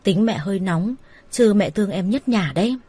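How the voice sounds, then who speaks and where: A woman's voice: medium pitch, lively intonation, normal speed, warm tone, slightly rough, dry recording. A woman voicing a persuasive older brother who coaxes his younger sister in an everyday voice. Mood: coaxing. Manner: coaxing, persuasive. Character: coaxing older brother, a smooth-talking manager.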